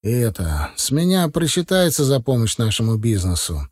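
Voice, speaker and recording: A man's voice: medium pitch, big pitch swings, normal speed, a little mellow, slightly rough, no room sound, studio quality. A man voicing an earnest young business heir. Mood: confiding. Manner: earnest, confiding.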